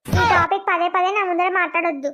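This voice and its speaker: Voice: very high-pitched, quick pace, music in the background. A voice actor playing a cold, determined young village woman in a cartoon, speaking firmly with a Telangana accent. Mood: stern. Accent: Telangana Telugu. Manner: stern, firm.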